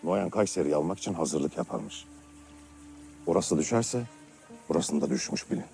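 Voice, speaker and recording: A grave nobleman in a historical drama. His male voice is very deep and measured. Faint music plays underneath. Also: expressive, vocal fry, dark tone, heavily acted. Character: grave nobleman reporting threats of war.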